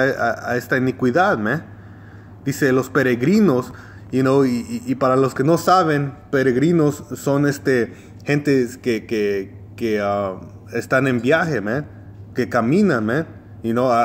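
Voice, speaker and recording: A man's voice: mid-range voice, a little hiss or hum. A man preaching informally and reading scripture, scolding his listeners, tacking "man" onto his phrases, slipping English fillers into his Spanish, hesitating and restarting often. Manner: scolding, confrontational tone. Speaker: street-style Bible preacher.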